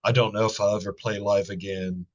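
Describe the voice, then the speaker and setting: A man with a natural baritone voice chatting casually as a musician guest, relaxed and quick to laugh. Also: dull audio. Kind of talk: casual conversation.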